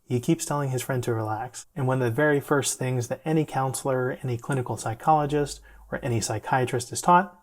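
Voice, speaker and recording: A man's voice: mid-range voice, fairly quick, few pauses. A man telling a personal story in a conversational, self-deprecating way, with the odd laugh. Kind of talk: storytelling vlog.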